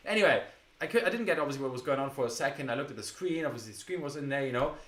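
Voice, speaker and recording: A man co-hosting a vlog, recounting a family story in a casual, halting way with many fillers. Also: medium pitch, lively intonation, fairly bright tone. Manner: hesitant, many fillers and restarts. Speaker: vlog co-host. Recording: echoey room.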